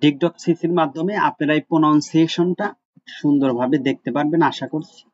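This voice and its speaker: A man's voice: a little high, fairly even intonation, brisk, dry recording. A man teaching German letters in a screen-recorded lesson, patient, repeating each sound several times, with many "ah" fillers. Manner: frequent "ah" fillers. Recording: dull lo-fi recording.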